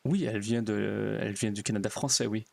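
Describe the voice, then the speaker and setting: A man's voice: fairly low pitch, steady tone, a little fast, vocal fry, a little mellow. A man roleplaying a naive pastor in a game, talking in a hesitant, stammering, overly polite way. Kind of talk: in-character roleplay chat.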